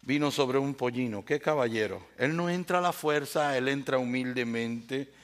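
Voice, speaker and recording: A man's voice: mid-range voice, moderate pace. A male pastor preaching a sermon with dramatic swings, who asks rhetorical questions and speaks directly to the congregation. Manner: addresses listeners directly and by name.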